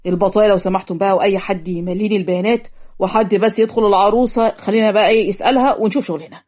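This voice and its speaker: A woman's voice: medium pitch, fairly even intonation, a little mellow, lightly acted. A woman with an Egyptian accent voicing a clumsy, teasing young male marriage officiant in a cartoon story. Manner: teasing, quick comic retorts. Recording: lo-fi muffled audio.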